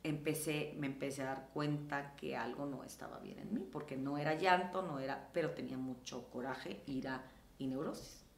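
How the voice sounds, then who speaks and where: A middle-aged Mexican woman talking casually in an interview, animated and acting out quoted dialogue. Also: extremely low pitch, normal speed, vocal fry, reverberant, a little hiss or hum. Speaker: guest.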